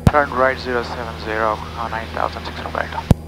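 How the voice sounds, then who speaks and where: A man's voice: medium pitch, little pitch movement, fairly quick. A man talking as a pilot over the aviation radio to air traffic control, giving clipped readbacks with hesitant fillers through a headset in a small plane's cockpit. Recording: loud engine noise in cockpit. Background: aircraft engine drone.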